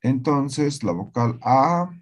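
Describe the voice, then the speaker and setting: A man teaching a language class online, slowly repeating words and often checking that students follow. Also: medium pitch, animated.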